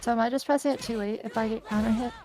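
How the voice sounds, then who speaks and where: A woman chatting casually while learning a fighting game, repeating words and reacting quickly. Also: fairly high pitch, fairly even intonation, darkish tone, soft background music, low-quality recording. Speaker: player being coached. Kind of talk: casual chat.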